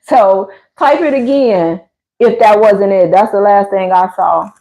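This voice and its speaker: An unhurried, medium-pitched American woman in her fifties hosts a livestream, candidly chatting with viewers in everyday colloquial speech. She retells things animatedly and performs the quotes. Her audio is slightly dull and lo-fi.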